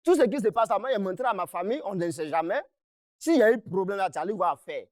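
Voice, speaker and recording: A man's voice: high-pitched, lively intonation, fast, no echo, clean studio sound. A man, confronting the person who owes him money; he talks angrily, insists and cuts in. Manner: angry, insistent, repeats himself, interrupts. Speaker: client in a dispute. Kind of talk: heated confrontation on a mediation show.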